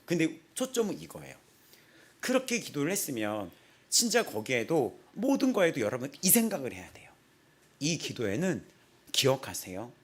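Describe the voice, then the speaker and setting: A young man in his twenties preaching a casual sermon in a small church, telling personal stories with lively acted-out quotes and frequent laughter. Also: a little high, husky. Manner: animated storytelling, acts out quotes, laughs often. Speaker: pastor.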